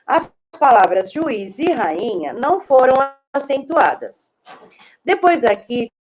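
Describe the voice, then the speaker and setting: Woman teacher, remote lesson, patient explaining, unhurried, fairly high voice. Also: big pitch swings, darkish tone, slightly rough, low-quality recording. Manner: slow, patient explaining, checks in with "tá?".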